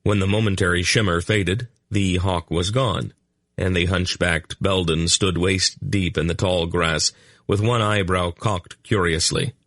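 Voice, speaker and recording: A man with a very deep, gravelly voice narrating a fantasy audiobook. His reading is measured and steady, and the close mic gives a dry sound with no room in it. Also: no room sound.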